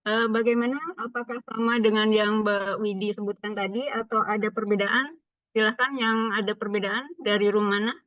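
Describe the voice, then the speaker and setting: A woman runs an online training session and guides the group with calm, orderly instructions. Her voice is middle-pitched and comes through a video call. The sound is dull and dry, with no room around it. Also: normal speed, no room sound. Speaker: training facilitator. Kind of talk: leading an online group discussion.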